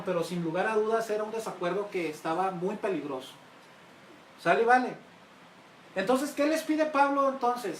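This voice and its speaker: Pastor preaching in a roomy hall. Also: male voice, high-pitched. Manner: engaging, questions the congregation often. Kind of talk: sermon. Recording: roomy, mic at a distance, faint hiss.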